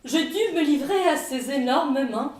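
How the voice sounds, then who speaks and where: A high-pitched woman with an Italian accent, originally from northern Italy, works through a theatrical monologue at a measured pace. It's a first-person piece, both comic and dramatic, from her one-woman stage show, delivered expressively. The room echoes and the microphone sits far away.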